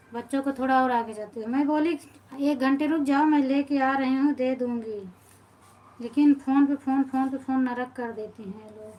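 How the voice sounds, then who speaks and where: Over a low-quality recording, a woman's high, somewhat mellow voice comes through. She is a thirtysomething folk singer with an Awadhi-inflected Hindi accent, casually live-streaming, greeting viewers by name, and grumbling about being tired and busy.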